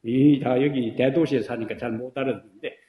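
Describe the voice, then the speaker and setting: A man's voice: medium pitch, steady tone, a little fast, dull audio. A middle-aged male pastor preaching a sermon in a church, asking the congregation questions and building to emphatic peaks. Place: church sanctuary. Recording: echoey church hall.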